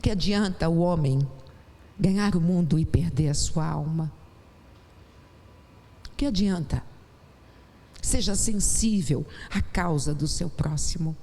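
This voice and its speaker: A woman's voice: slow pace, long pauses, warm tone. Impassioned Brazilian woman preaching in church. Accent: Brazilian Portuguese. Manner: impassioned, rising to high exclamations. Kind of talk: sermon with personal testimony. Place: church sanctuary. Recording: long church hall reverb, faint noise.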